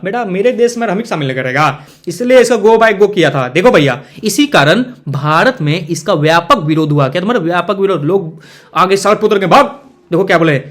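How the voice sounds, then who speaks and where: A young man runs through exam revision questions in a high, light voice. He teaches in a loose, joking way, asking his students quick questions and calling them beta and bhaiya. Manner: colloquial, jokey, addresses students as beta and bhaiya.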